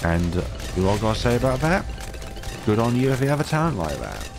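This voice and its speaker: With game music in the background, a thirty-year-old host with a deep voice and a cold talks a little fast through relaxed gameplay commentary. He's calm but rambling, often wandering off into chatty tangents.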